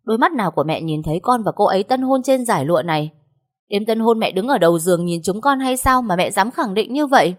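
A cold, domineering young man, as a woman narrator plays him barks orders. His voice turns sharp and loud when he threatens. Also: mid-range voice, animated, fast, voice pushed up, natural voice. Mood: angry. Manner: harsh, commanding.

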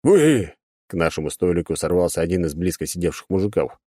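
Brief: male audiobook narrator, very low, dark timbre, wry and sardonic delivery. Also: flat delivery, quick pace, no echo, studio quality. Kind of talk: scripted first-person narration.

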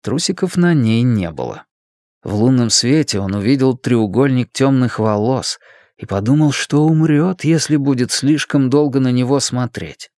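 A man narrating an audiobook in a measured, expressive storytelling manner. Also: medium pitch, dry recording, clean studio sound. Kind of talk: scripted narration.

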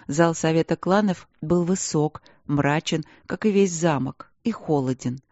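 A woman reads fantasy narration in an even, measured way, her voice low and dark in tone. The recording is dry and close, with a slightly dull, muffled band. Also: no echo. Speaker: audiobook narrator.

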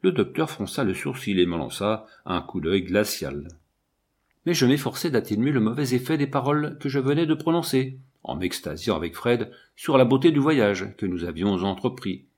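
A man reading a first-person novel aloud as an audiobook narrator, in an expressive storytelling way. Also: medium pitch, normal speed.

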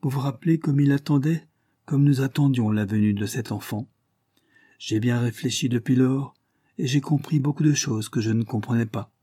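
A man's voice: medium pitch, normal speed, mellow, breathy edge, no room sound, clean studio sound, natural voice. A man reading the lines of an anguished young mother, in a pleading, weary voice heavy with grief. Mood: sorrowful. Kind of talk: audiobook character reading.

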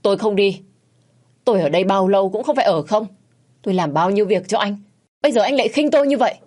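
Woman doing a desperate middle-aged mother, pleading, shrill, frantic. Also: a little slow, darkish tone, breathy edge.

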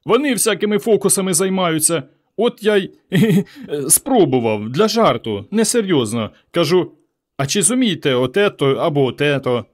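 A man's voice: a little high, expressive, moderate pace, pitched above the performer's own voice, close to an everyday voice. A man voicing a cowardly, complaining male caretaker in a storybook reading, with a plaintive, tearful manner. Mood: whining.

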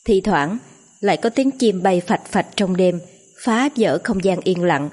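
A woman narrating a ghost story in a slow, steady reading voice. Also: mid-range voice.

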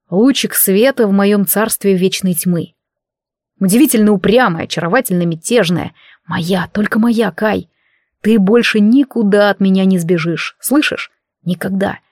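A woman reading the part of an ancient warlock king, teasing and possessive, drawing his words out slowly and intimately. The voice sits at an ordinary middle height for a woman. It is recorded close and dry, with no room sound. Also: mid-range voice, darkish tone, no room sound, lightly acted. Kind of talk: audiobook character reading.

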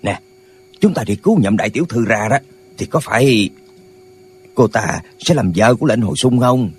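A man's voice: lowish voice, animated, normal speed, a little hiss or hum, natural voice. A man voicing a brash, simple-minded old martial artist in an audiobook, blunt and mocking. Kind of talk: audiobook character voice.

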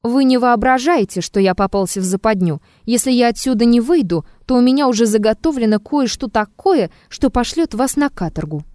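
A woman's voice: fairly high pitch, lively intonation, normal speed, a little mellow, dry recording, studio quality, natural voice. A woman voicing an insolent, mocking male blackmailer in an audiobook, talking rudely and with a sneer. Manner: sneering and rude.

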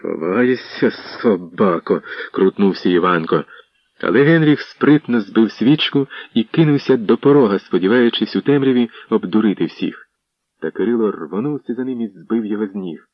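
A man narrates a historical tale in a low voice, with measured, scripted storytelling. The audio is dull and lo-fi, like an old radio broadcast, and sounds dry and close. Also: expressive, dry recording.

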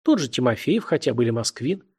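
A man's voice: mid-range voice, very animated, fast talker, darkish tone, breathy edge, heavily acted. A man voicing a sly, insinuating young man who mocks and probes his old school friend, in an audiobook reading. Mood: probing. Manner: mocking, insinuating, laughs a lot.

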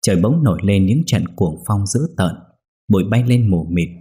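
A man's voice: sits low, normal speed, mellow, husky. A man narrating a ghost story steadily.

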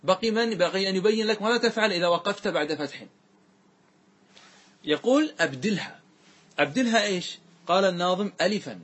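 Husky man teaching a grammar class. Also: high voice, a bit bright. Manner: quizzes students with quick questions; recites verses slowly and drawn-out. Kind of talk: classroom lesson.

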